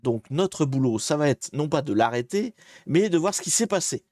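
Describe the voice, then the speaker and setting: A man's voice: fairly high pitch, expressive, normal speed, warm tone, dry recording, clean studio sound. A man hosting a live stream, explaining a security exercise in a jokey, chatty way and greeting his viewers. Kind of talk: casual live-stream tutorial.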